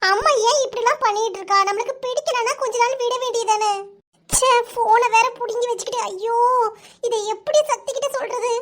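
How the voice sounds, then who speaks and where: A woman's voice: very high-pitched, brisk, a little hiss or hum. A woman voicing a worried young woman in a cartoon, muttering fretfully to herself. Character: worried young woman facing arranged match.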